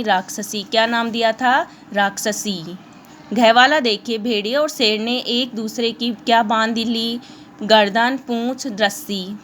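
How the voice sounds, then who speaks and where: Slow-speaking woman teacher. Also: a little high, a bit bright, slight background noise. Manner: explains slowly, mixes in English words. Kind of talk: online class lesson.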